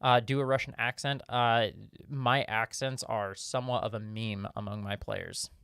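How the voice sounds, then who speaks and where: A man's voice: mid-range voice, steady tone, moderate pace, a bit bright, clear, resonant tone, dry recording, studio quality. A man hosting a casual live-stream Q&A, reading viewer questions and rambling through his answers with lots of fillers and restarts.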